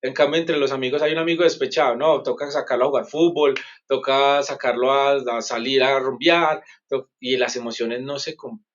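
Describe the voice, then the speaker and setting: A man's voice: medium pitch, fairly even intonation, normal speed, hardly any pauses, muffled recording, slight background noise. A man, a psychologist guest in a conversational interview, explaining earnestly and asking "¿sí me entiendes?" often. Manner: earnest, explanatory, self-correcting.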